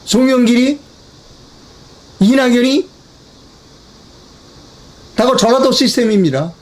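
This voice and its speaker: An older man delivers a political commentary monologue in a fairly high voice. He presses his points with heavy repetition and keeps throwing rhetorical questions at the audience. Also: slow. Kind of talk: political news briefing monologue.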